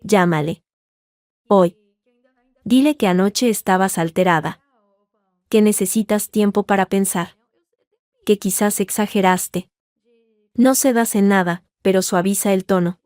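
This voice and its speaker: A woman voicing a calm, methodical male lawyer giving careful instructions in a read-aloud story. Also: high-pitched, no echo, clean studio sound. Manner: measured, grave, instructive. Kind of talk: scripted narration.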